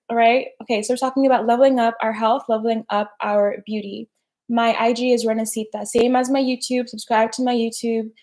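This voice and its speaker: A woman's voice: fairly high pitch, a little mellow. Chatty young woman on a livestream. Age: young adult. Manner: chatty, slangy, full of "like" and "right?". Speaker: personal development host. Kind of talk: casual live-stream chat.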